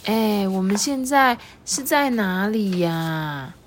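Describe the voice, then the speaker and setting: A woman's voice: lively intonation, takes it slowly, slight background noise. A woman voicing a timid little male rice grain in a storybook, who stammers and drags out his words. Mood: anxious. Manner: stammering, high and drawn out.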